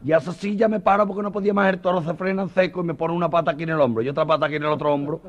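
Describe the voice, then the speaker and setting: Comedian doing a high, breathless, worked-up storytelling bullfighter, muffled tape. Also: male voice, rapid-fire, lightly acted. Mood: excited. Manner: breathless, high-pitched and excitable. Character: frightened, boastful male banderillero telling tall tales. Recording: dull cassette recording.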